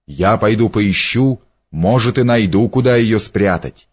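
A man's voice: lowish voice, measured pace, husky. A man voicing a practical servant who speaks in plain, folksy words. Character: a prince's gruff, practical servant. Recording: dull lo-fi recording.

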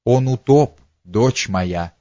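A man voicing a gentle, solemn old monk elder who speaks quietly and tenderly. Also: medium pitch, slow, no room sound, dull audio.

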